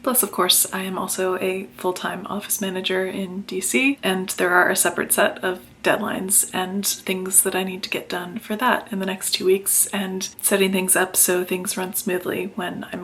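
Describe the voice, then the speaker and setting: Late-20s woman vlogger, chatty and careful, even delivery, faint noise underneath. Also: medium pitch. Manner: measured, chatty, explains carefully. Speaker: book vlogger. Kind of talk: casual vlog narration.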